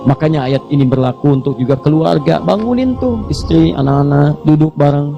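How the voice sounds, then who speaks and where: A man's voice: a little high, a little fast, gravelly, highs cut off, faint music behind. A male Islamic preacher giving a fervent sermon that moves into pleading prayers.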